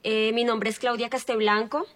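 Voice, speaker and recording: A woman's voice: fairly high pitch, fairly even intonation, moderate pace, a bit bright. A woman, politely and admiringly asking a question at a public talk. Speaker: audience member asking a question.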